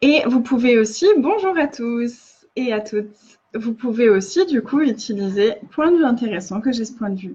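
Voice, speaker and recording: A woman's voice: a little high, warm tone, breathy edge, muffled recording. A woman facilitator giving earnest casual coaching in a live video, often restarting and repeating phrases.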